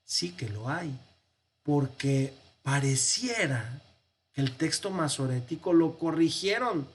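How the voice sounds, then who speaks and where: Walking through an on-screen text point by point and counting as he goes, a priest teaches a Bible class and poses rhetorical questions only to answer them himself. He is animated, speaks at a moderate pace on the high side, and there is slight background noise.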